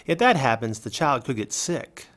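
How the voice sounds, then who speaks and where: A man voices the English voice-over for someone signing in a conversation, reading the script in a conversational style. His mid-range voice is fairly bright, moves at normal speed, and swings widely in pitch.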